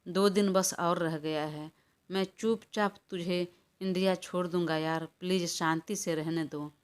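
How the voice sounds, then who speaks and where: A woman's voice: on the low side, fairly even intonation, a little slow, clean tone, close to an everyday voice. A woman reading an audio story, voicing a weary, irritated young man who talks in an exasperated way. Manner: exasperated, pleading for rest. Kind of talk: audiobook character voice.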